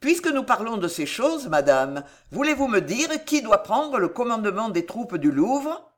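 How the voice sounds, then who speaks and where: Lady reader doing a loyal guard captain, earnest and pushy, lively voice, audiobook. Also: a little high, a little slow, voice pushed up. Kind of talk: audiobook character voice.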